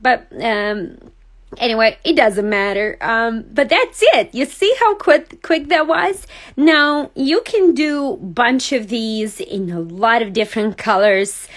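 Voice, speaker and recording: A high-pitched woman hosts a relaxed card-making livestream from her desk. She talks slowly and chats as she works, thinking aloud and laughing easily. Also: poor audio. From Serbia. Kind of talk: casual craft demo livestream. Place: craft desk indoors. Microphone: overhead camera on desk.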